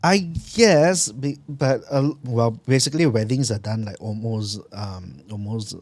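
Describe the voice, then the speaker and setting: A man's voice: medium pitch, unhurried, a little mellow, no room sound. A Malaysian man hosting a podcast, chatting casually in Malaysian English slang with particles like lah and meh. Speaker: podcast host. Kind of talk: casual chat.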